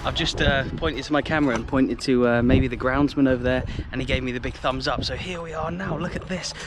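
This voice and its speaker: An enthusiastic Englishman films a football travel vlog on a handheld camera, walking around a stadium outdoors and exclaiming often about it. His mid-range voice is fairly quick, with music in the background.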